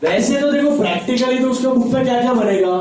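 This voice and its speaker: A man's voice: extremely high pitch, fast, a crowd in the background. A male teacher giving a classroom lecture, drilling steps by repeating them and quizzing his students. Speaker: commerce teacher. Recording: echoey classroom mic from far off.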